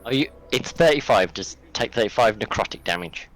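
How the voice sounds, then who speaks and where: A man as game master giving brisk rulings with frequent restarts. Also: fairly low pitch, lively intonation, a bit bright, soft background music, poor audio. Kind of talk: running a tabletop game over a call.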